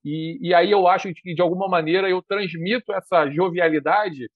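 A man in his early fifties speaks in a fairly high voice, thinking out loud in relaxed conversation and circling back over his own words. The sound is dry and a little dull, like a lo-fi online call. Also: moderate pace, no echo. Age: 50s. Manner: reflective, hesitant with restarts. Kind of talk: casual conversation.

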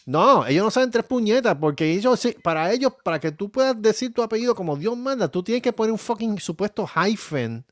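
Puerto rican dude ranting on a podcast, bouncy pitch, dry close sound. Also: male voice, fairly quick, hardly any pauses, dry recording. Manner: heated, swearing, lively. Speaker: podcast co-host. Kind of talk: casual chat.

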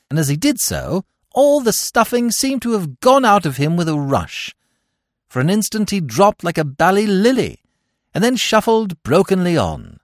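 A man narrating a classic comic story as podcast host, with expressive storytelling. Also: a little high, no echo, studio quality.

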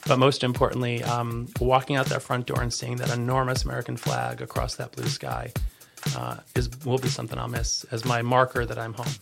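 A man giving a conversational podcast interview as an agency leader, earnest and halting, often rephrasing as he goes. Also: mid-range voice, gravelly, music in the background.

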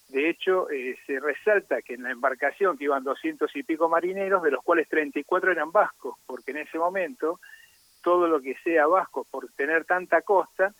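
A man's voice: a little high, a bit bright, no room sound, low-quality recording. A man speaking as a radio guest, explaining at length with hesitant fillers. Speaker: radio guest on Basque culture.

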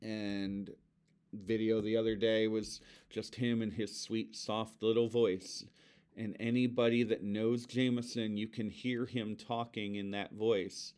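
Smooth-voiced low man reflecting on grief. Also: flat delivery, measured pace. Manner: earnest, reflective, speaks softly of his son. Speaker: podcast co-host, bereaved father. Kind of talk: reflective conversation about grief.

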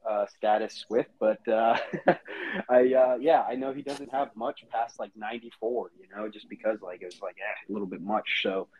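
A male host speaking over a video call, with slightly dull, muffled sound. He keeps things easygoing and gently steers the conversation. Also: mid-range voice. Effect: heard over a video call. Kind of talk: casual chat.

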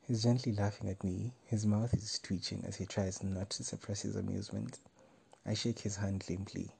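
A man reading a first-person story aloud in a measured, wry way. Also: fairly low pitch, little pitch movement, vocal fry, warm tone, breathy edge. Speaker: narrator.

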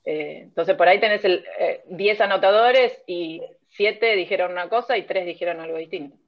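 A woman's voice: lowish voice, moderate pace. A woman with a Rioplatense accent, a speech technology researcher, explaining her field step by step in an interview. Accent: Rioplatense Spanish. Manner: patient, explains step by step with examples. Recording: dull lo-fi sound.

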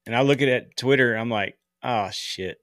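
A man's voice: medium pitch, steady tone, quick pace, fairly bright tone, no room sound, studio quality. A man co-hosting a podcast, chatting casually and bluntly, swearing freely. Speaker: podcast co-host.

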